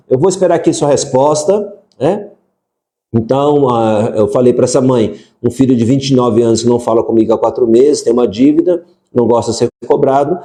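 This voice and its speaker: A man's voice: a little high, warm tone. A Brazilian man giving casual parenting advice to mothers on a live stream, often adding tag questions. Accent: Brazilian Portuguese. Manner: conversational, frequent tag questions. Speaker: parenting coach.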